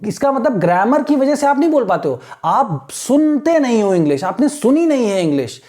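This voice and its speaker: Mellow-toned male teacher, earnest online lecture full of rhetorical questions. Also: very high-pitched, sing-song, brisk. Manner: explanatory, frequent rhetorical questions and check-ins. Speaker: exam-prep English teacher.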